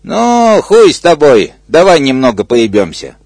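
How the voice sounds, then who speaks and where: A man's voice: on the high side, huge pitch swings, a little slow, darkish tone, no room sound, exaggerated voice. A man voicing a rude, bossy male crocodile who barks curses and scorn. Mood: scornful. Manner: barking curses.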